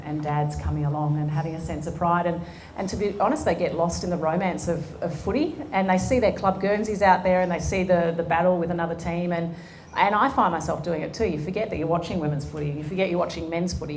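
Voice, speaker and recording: A low-voiced Australian woman in her forties talks earnestly on stage, with frequent ums and restarts as she answers. Her voice carries an echo from the event room, with a faint hiss under it. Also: darkish tone. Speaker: sports executive and guest speaker. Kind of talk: on-stage conversation. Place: conference room before an audience.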